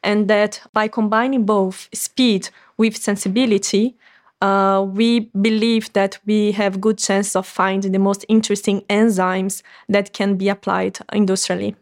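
A woman with as an answers interview questions as a startup founder. Her voice sits at a middle pitch. She talks in an earnest, explanatory way with some fillers. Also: little pitch movement, unhurried.

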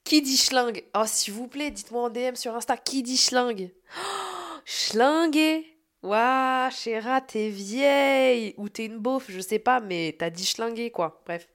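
A woman hosting her own podcast, telling a story about her day in a casual, animated and self-mocking way, swearing freely. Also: a little high. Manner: shifts between fast asides and slow, dragged-out emphasis. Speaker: podcast host.

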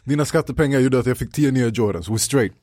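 A man's voice: mid-range voice, darkish tone, no echo, clean studio sound. A man chatting casually as a podcast guest about making his TV show. He talks in loose slang and drops English phrases in. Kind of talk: casual chat.

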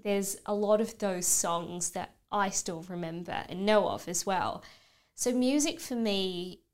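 A British woman in her thirties, from the United Kingdom, appears as a podcast guest and talks candidly and reflectively about her own life. Her voice is medium in pitch and her pace a little slow.

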